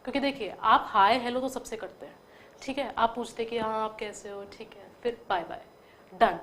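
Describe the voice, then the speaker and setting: A woman leads an online spoken-English lesson, her voice sitting a little high. She explains patiently and slows right down to model each English phrase with careful intonation. A faint ambient hum sits under the recording. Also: a bit bright. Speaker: English teacher.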